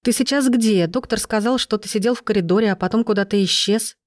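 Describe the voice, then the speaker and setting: A woman voicing an anxious young woman on the phone, speaking higher and louder than her narration. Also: fast, dry recording, studio quality, natural voice. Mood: worried.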